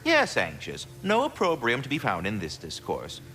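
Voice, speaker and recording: Courteous wordy oddball game creature, super swoopy bright voice, long echo. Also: male voice, mid-range voice, wildly swooping pitch, normal speed, faint music behind. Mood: prim. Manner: formal, wordy. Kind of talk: video game character acting.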